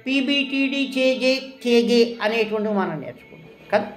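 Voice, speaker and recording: A woman's voice: a little high, moderate pace, roomy sound, faint music behind. A woman teaching a shorthand lesson, quizzing her listeners with questions and then answering them herself. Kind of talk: classroom lesson.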